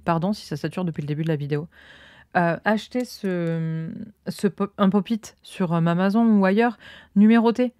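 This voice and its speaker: A woman with a Cantal accent from Auvergne hosts a podcast, chatting casually while she crochets and rambling with plenty of fillers. Her lowish voice is warm and moves at a normal speed, recorded on her own close microphone with no echo.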